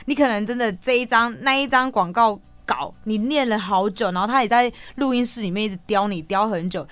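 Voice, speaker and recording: A woman's voice: a little high, a little fast, smooth, no echo, soft background music. A woman radio host with a Taiwanese Mandarin accent, chatting casually and laughing often as she tells stories. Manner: laughs often, animated storytelling. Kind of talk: casual chat.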